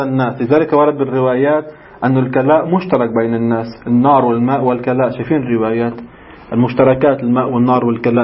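A quick-paced man gives a religious lesson in a lively, conversational way. He keeps posing questions to his students and answering them at once. The recording sounds dull and muffled. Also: medium pitch. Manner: asks rhetorical questions and answers them himself. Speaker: religious teacher. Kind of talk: seminary lecture in colloquial Levantine Arabic.

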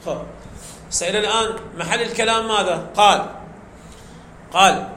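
Teaching grammar in a classroom lecture, a man walks through the material step by step and quizzes the class, supplying the answers himself. He has a high-pitched, animated voice with a sharp tone at normal speed, and the echoey room has faint background noise.

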